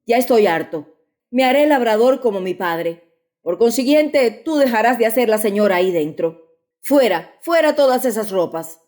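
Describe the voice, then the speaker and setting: Brief: woman reader doing an angry domineering young peasant husband, barking orders, pushed up high. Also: close to an everyday voice. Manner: shouting threats and orders.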